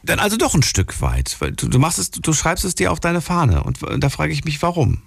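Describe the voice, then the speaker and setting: Gravelly young male radio host. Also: fairly high pitch, wildly swooping pitch, brisk, dry recording, clean studio sound. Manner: friendly, probing interviewer. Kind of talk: phone-in radio hosting.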